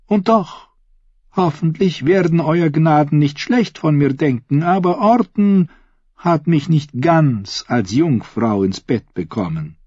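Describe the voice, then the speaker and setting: Coy young court lady, male reader voicing her, high and lively, dry recording. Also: slow pace, slightly rough, dry recording, highs cut off, heavily acted. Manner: coy, playful, bashful.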